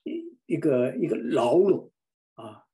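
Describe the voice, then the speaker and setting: A man's voice: fairly high pitch, huge pitch swings, takes it slowly, warm tone. A middle-aged man preaching a sermon with fervent emotion, repeating phrases for emphasis.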